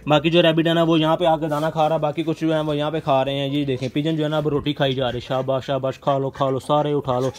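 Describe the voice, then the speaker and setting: A man, narrating a casual pet vlog outdoors and coaxing his birds with quick repeated calls. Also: on the high side, flat delivery. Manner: fast, chatty, coaxing animals with repeated calls. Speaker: pet vlogger. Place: outdoor yard with bird cages, aircraft passing overhead.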